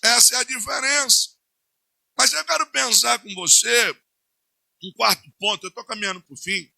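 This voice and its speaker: A male pastor with a Brazilian Portuguese accent preaching a sermon, swinging between loud declarations and hushed asides. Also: very high voice, moderate pace, vocal fry, no echo.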